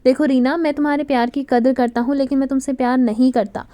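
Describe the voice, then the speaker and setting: A woman's voice: high voice, steady tone, quick pace, dark tone, lightly acted. A woman voicing a young college man who turns down a proposal firmly and explains himself with patience.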